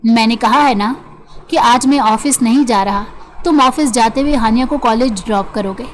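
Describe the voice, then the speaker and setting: A woman reading the part of a stern, calm middle-aged man who heads the family. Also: a little high, moderate pace, natural voice. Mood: firm. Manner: calm but firm.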